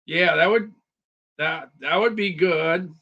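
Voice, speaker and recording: A man hosts a casual live stream reviewing deals, chatting about products, repeating phrases, and addressing viewers by name. His fairly high, bright voice is slow, forceful, and slightly worn, and the sound is lo-fi.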